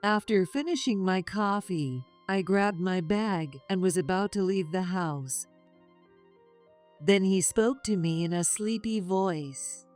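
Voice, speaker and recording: Middle-aged woman reading a story slow and calm, soft music under it. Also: medium pitch. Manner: calm, measured, confessional. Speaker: narrator. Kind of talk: scripted first-person story narration. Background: faint music.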